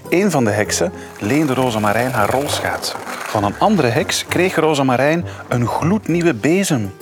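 Man, low voice, animated storytelling, children's book reading, faint music behind. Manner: lively, expressive storytelling. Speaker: radio presenter reading to his daughter.

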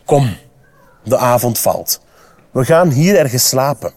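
A man's voice: medium pitch, animated, slow pace, a little mellow. A Flemish man voicing a grumbling, put-upon male panda in a children's storybook reading. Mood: grumpy.

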